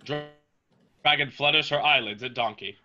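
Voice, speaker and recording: A man's voice: mid-range voice, moderate pace, pushed and bright, muffled recording, soft background music. A man reading stage directions as scripted narration between the characters' lines.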